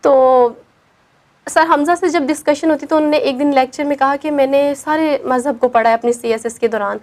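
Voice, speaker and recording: A woman's voice: high-pitched, steady tone, darkish tone. A young woman telling her personal story as an interview guest, earnest and emphatic.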